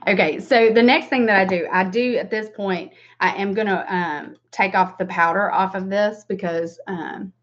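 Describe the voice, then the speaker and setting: A muffled, lo-fi webcam recording of a woman with a Southern American drawl. She hosts a casual makeup livestream in a mid-pitched voice, informal and rambling, chatting directly to viewers. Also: fairly even intonation, moderate pace, few pauses. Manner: informal, rambling, self-deprecating asides. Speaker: beauty livestream host and makeup seller. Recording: dull lo-fi webcam stream.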